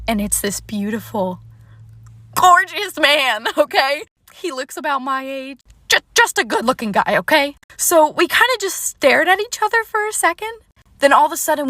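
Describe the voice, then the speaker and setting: Bright, chatty woman, dry close sound. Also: fairly high pitch, dry recording. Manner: chatty, excitable storytelling. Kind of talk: storytime narration.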